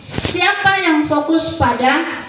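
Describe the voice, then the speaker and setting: A woman's voice: very high voice, animated, takes it slowly, very noisy. A woman in her forties, a psychology lecturer giving a chatty, joking seminar talk and quizzing her audience. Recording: very echoey hall, voice far from mic.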